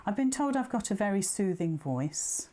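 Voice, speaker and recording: With a warm, mid-range voice that swings widely in pitch at a normal speed, a woman leads a live sewing lesson indoors at her machine. She pokes fun at herself with viewers while describing each step and checking along the way with "okay."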